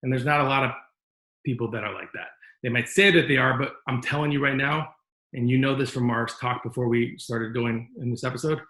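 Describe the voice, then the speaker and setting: A man's voice: medium pitch, a little fast, sharp tone, roomy sound, low-quality recording. A man hosting a podcast interview, talking in an earnest, rambling, encouraging way. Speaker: podcast host. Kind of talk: casual interview talk.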